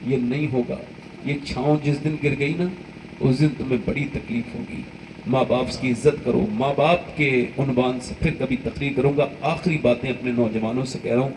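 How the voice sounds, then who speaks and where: Impassioned older preacher at a graveside. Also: male voice, medium pitch, fairly even intonation, distant mic, noisy background. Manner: impassioned, emotional pleading. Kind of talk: sermon. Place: outdoors at a graveside.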